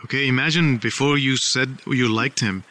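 A man's voice: mid-range voice, normal speed, sharp tone, slight background noise. A man with an Indian accent hosting a call-in show, giving blunt, teasing, casual advice and slipping between languages. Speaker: radio call-in show host.

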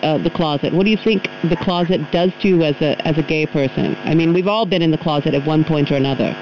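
A woman hosting a casual call-in radio show, chatty and encouraging with callers. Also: sits low. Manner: chatty and encouraging, quick to laugh. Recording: dull lo-fi radio with faint hiss.

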